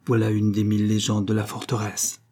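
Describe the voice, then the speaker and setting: A low-voiced man narrates a story in a measured, grave manner. His tone is mellow and dark, with a husky edge. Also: monotone. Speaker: audiobook narrator.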